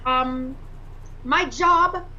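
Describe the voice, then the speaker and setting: Very slowly and earnestly, a woman with a high, bright voice thinks out loud on a video call, using fillers as she chooses her words. She's a pastor and prospective student on a casual orientation call, and the lo-fi, dull audio carries a faint hiss.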